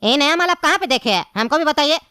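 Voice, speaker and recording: A woman voicing a sharp-tongued male firecracker seller in a cartoon, mocking and scolding. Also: high-pitched, expressive, fast talker, no echo, studio quality. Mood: plain. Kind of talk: cartoon voice acting.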